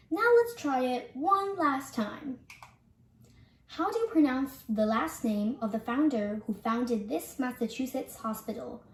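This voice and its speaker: A young woman presenting a scripted pronunciation lesson, speaking carefully and deliberately like a teacher. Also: on the high side. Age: young adult. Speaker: student presenter. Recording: echoey room.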